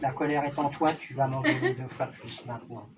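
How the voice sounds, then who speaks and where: A man's voice: mid-range voice, steady tone, fairly quick. A man working as a stage hypnotist in a theatre, giving commanding suggestions to volunteers and teasing them playfully. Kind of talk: live stage hypnosis show. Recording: noisy, distant live theatre recording.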